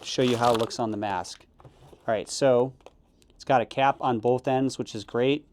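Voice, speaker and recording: A man giving a casual, halting unboxing review, correcting himself as he goes. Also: mid-range voice, fairly even intonation. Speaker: product reviewer. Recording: noisy, with crinkling packaging and clicks.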